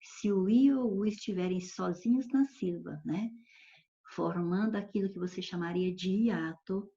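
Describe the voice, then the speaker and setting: Woman teacher, mellow and patient, explains step by step; dull lo-fi online lesson audio. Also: on the low side, moderate pace. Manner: patient, explanatory, often checks with "ok?". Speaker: Portuguese grammar teacher.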